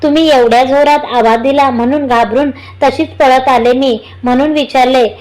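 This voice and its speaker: A woman voicing a gentle, flustered young wife who soothes her husband, in a high voice. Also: steady tone, moderate pace, lightly acted. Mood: soothing.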